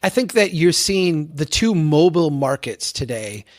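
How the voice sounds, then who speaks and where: An American man in his forties appears as a podcast guest, an advocate for towns, explaining his views earnestly and with conviction. He's opinionated and leans on rhetorical contrasts. His fairly high voice has a sing-song lilt and a slightly slow pace.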